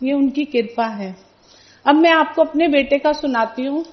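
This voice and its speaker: A woman's voice: high-pitched, moderate pace, highs cut off. A middle-aged woman, a devotee, telling a personal testimony in an earnest storytelling way, acting out the people she quotes.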